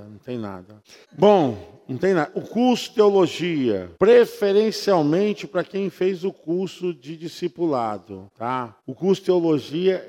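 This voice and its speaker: A man's voice: a little high, mellow. Male pastor, casual church talk, chatty, imitates sounds, echo of a large church hall. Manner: chatty, mimics sounds with repeated syllables. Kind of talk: informal church teaching to a congregation. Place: church sanctuary.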